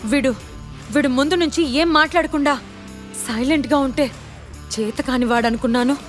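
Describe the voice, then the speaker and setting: A woman's voice: normal speed, faint music behind, natural voice. A woman voicing an arrogant, cowardly foreign businessman villain who sneers and turns panicky in a storybook audio drama. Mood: panicked threats. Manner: sneering, then shrill and panicky when threatened.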